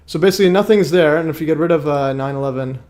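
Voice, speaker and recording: A man's voice: a little high, fast talker, a little mellow. A tired man born in Iraq hosts a livestream, rambling with many fillers and restarts. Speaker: livestream host. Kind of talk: casual livestream chat.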